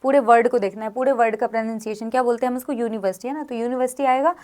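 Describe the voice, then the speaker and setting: High-voiced woman teaching grammar. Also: fairly even intonation, racing, dark tone. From India. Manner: frequent check-in questions to students. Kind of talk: explanatory classroom lesson.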